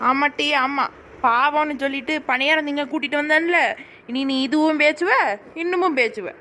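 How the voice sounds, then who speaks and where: A woman's voice: high voice, normal speed, pushed and bright, slight background noise. A woman voicing a mischievous, teasing young girl in a family cartoon who whines when scolded. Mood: cheeky. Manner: teasing, whiny. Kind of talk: cartoon dialogue.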